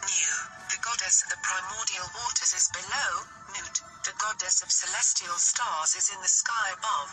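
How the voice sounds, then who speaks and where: A woman's voice: medium pitch, moderate pace, few pauses, close to an everyday voice. A woman voicing a majestic ancient star goddess in solemn, grand, declaiming narration, heard from a distance over music. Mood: solemn, exalted.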